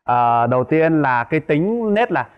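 A man, a guest on a couples' talk show, speaking haltingly and often repeating his words. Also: a little high, sing-song, clean tone, dull audio. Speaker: guest husband. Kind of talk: casual chat.

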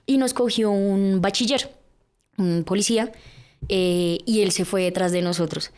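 A young woman with a Colombian accent is the guest on a podcast interview, recounting her past. Her voice is middle in pitch. She narrates in a loose, chatty way, fills gaps with small fillers, and slips into the voices of the people she remembers. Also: unhurried, clean tone. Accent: Colombian Spanish. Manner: lively narration full of fillers, with acted-out quotes. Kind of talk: personal storytelling in a podcast interview.

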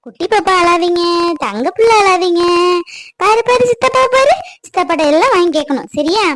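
A woman's voice: sits high, animated, a little fast, no echo. A woman voicing a young mother in a cartoon, soothing a crying baby and complaining to her husband. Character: young mother, then a sulking wife. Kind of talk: cartoon voice acting.

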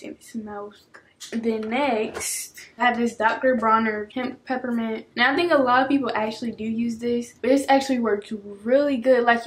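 A young woman vlogging casually to camera from home, chatty and full of filler words. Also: on the high side. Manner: chatty, heavy use of filler "like". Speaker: beauty vlogger.

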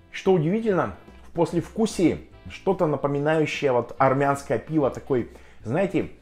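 A man giving a casual, chatty and jokey review to viewers, speaking with hesitant pauses as a vlogger. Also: fairly high pitch. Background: music.

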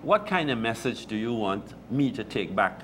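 An older man talks in a low voice, stopping and restarting his phrases with plenty of fillers. He speaks on a lapel mic in a small indoor room with a faint hum behind him. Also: sing-song, a bit bright. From Guyana. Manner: halting, many restarts and fillers. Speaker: deacon guest. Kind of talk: casual chat.

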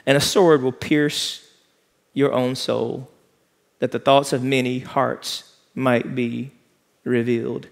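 A man's voice: medium pitch, little pitch movement, takes it slowly, vocal fry. A man, preaching an emphatic sermon as pastor in a large church auditorium. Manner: impassioned, emphatic preaching, walking the stage.

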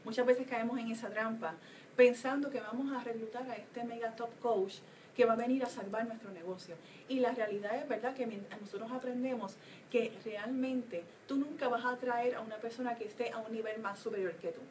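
Energetic woman coach, distant mic. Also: fairly high pitch, a little fast. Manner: energetic, emphatic, with frequent fillers. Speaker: business coach. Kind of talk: motivational talk to a group. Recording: distant mic with faint room noise.

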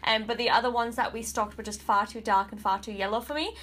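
Speaking fast in a fairly bright, steady, higher-pitched voice, the congested Australian vlogger, a woman in her thirties, gives a frank, chatty makeup review indoors at her home vanity with mirror lights. She hedges a lot with "like" and "kind of."

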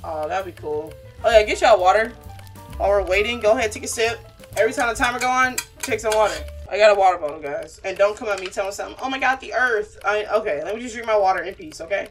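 A woman's voice: medium pitch, lively intonation, fast, far from the mic, faint music behind. A young woman giving casual, slangy gameplay commentary, animatedly talking to herself and to her viewers. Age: young adult. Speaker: gaming streamer.

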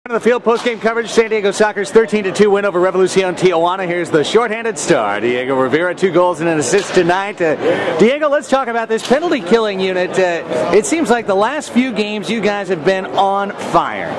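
A man's voice: high-pitched, expressive, a little fast. A man reporting from an arena, asking upbeat, stat-heavy postgame questions. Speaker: sports reporter. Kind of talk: postgame interviewer. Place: indoor arena. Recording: crowd noise in an arena.

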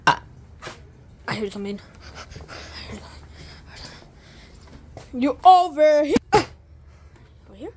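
A woman giving excitable, casual gameplay commentary, swearing and dropping to whispers while hiding. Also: sits high, measured pace, pauses often. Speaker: gamer.

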